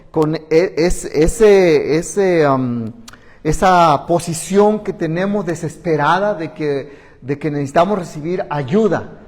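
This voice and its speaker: A man with a Mexican Spanish accent delivers a sermon from the pulpit, earnest and full of restarts. His voice sits somewhat high, and he acts out desperate pleas. The sound trails off in a long church-hall reverb. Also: darkish tone. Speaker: pastor.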